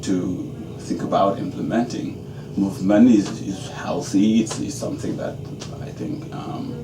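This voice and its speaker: A man from Senegal, a dance graduate student giving measured interview answers and checking in with "okay?". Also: sits low, music in the background. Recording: roomy, distant and noisy.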